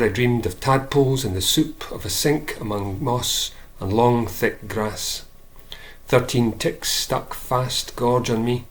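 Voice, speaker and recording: A man, a poet, reading his own poems aloud in a measured way, lifting his voice for emphasis. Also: medium pitch. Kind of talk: poetry reading.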